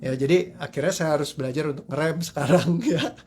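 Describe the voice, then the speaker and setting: A man's voice: on the high side, a little fast, darkish tone, a little hiss or hum. A man coaching in a live-streamed talk, telling personal stories in a chatty, self-deprecating way and laughing often. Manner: conversational, sprinkles agreement tags. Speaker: motivational coach.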